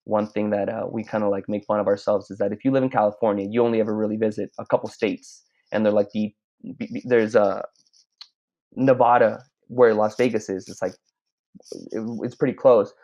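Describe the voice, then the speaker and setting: Male guest from Mexico, low voice, rambling stop-start delivery, slightly muffled lo-fi recording. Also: fairly even intonation, brisk, mellow. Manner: rambling, frequent restarts and stammered repeats. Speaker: guest, clothing brand owner. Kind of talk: casual chat. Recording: slightly dull lo-fi sound.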